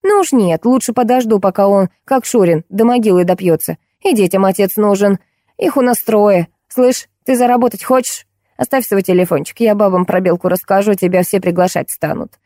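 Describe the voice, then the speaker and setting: A woman reading an audiobook, voicing a shrill, scolding middle-aged wife fed up with her drunk husband. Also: normal speed, warm tone, no echo, clean studio sound, natural voice. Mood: scheming.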